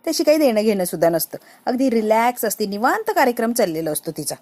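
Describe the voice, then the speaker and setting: Animated woman recapping a soap episode. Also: fairly high pitch, fast talker. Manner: animated, repeats phrases. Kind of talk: casual serial episode recap.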